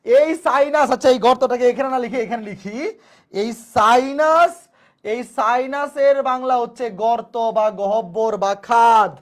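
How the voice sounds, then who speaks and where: A teacher gives a live online maths lecture, repeating each point and asking the class rhetorical questions. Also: high voice. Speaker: math teacher.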